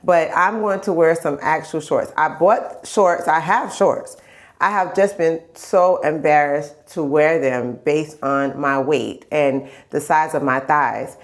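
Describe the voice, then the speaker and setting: A woman vlogger sharing her health journey chats casually in a candid, rambling video diary, stuffy as she gets over a lingering cold. She repeats phrases for emphasis, speaking slowly in a low voice.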